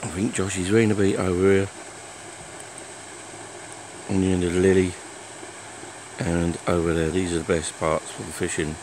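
A man's voice: low voice, flat delivery, a little mellow, poor audio. A man, chatting casually as he walks around a fishing lake filming on a handheld phone. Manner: chatty, unhurried, plain-spoken. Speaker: angler filming his fishing trip. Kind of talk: casual walk-and-talk vlog. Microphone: handheld phone camera. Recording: faint outdoor noise.

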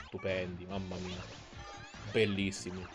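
A man's voice: low-pitched, completely flat delivery, measured pace, music in the background. A man casually commentating a video game in a playful, joking way, explaining details to his viewers. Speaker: let's play host.

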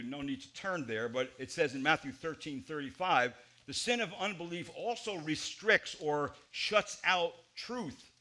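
Pastor, male, 40s, preaching from a church pulpit, bright forceful voice, big emphatic swings. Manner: emphatic, gesturing widely, swings between loud stresses and quiet low drops. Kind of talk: expository sermon.

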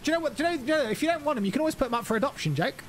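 A man's voice: very high-pitched, animated, racing, over music. A man livestreaming a game, chatting casually with viewers, joking and swearing. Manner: jokey, greets chatters by name, swears. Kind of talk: casual gaming stream chat.

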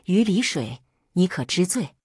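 A woman's voice: on the low side, very animated, measured pace, mellow, slightly rough, no room sound, studio quality, exaggerated voice. A woman voicing a stern male magistrate who hands down judgments in a commanding, lecturing way.

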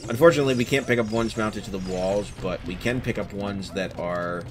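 A man hosting a video game let's play, chatting casually and thinking out loud as he plays. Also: lowish voice, brisk, a crowd in the background. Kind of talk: casual gameplay commentary. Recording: game music playing behind.

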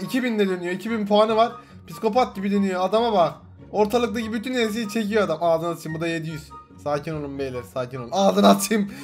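A young man giving excitable let's-play commentary as a gaming YouTuber, swinging from loud shouts to low muttering.

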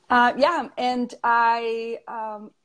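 A woman in her thirties from Romania, speaking with a Romanian accent as a coaching guest on a video call, explaining ideas slowly and thoughtfully with small laughs. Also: on the high side, low-quality recording. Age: 30s. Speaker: emotional health coach, guest. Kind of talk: casual interview talk.

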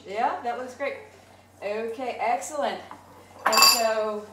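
A dietitian in her forties hosts a kids' cooking segment in a large home kitchen, cheerful and instructive as she talks with a child helper. She speaks slowly in a fairly high voice, captured by a camera across the room, so the sound is echoey, distant, and carries background noise.

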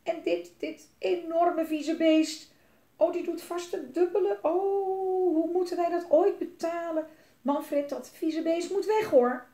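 A woman's voice: very high-pitched, fairly even intonation, takes it slowly, warm tone, voice pushed up. A woman voicing a fussy, panicky mother who screeches about dirt, recorded in a roomy space. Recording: roomy echo.

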